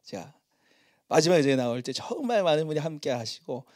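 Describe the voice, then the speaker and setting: A middle-aged male pastor preaching in a church, telling stories about himself in a lively, self-mocking way. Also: on the high side, fairly quick, no room sound, studio quality. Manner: storytelling, animated and self-mocking. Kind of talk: sermon.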